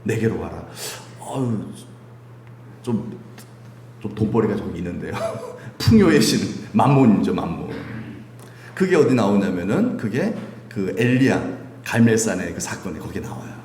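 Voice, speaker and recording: A man's voice: on the low side, sing-song, moderate pace, darkish tone, a little hiss or hum. A man preaching a Sunday sermon as pastor, asking the congregation questions and chuckling often. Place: church sanctuary. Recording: echoey church sanctuary.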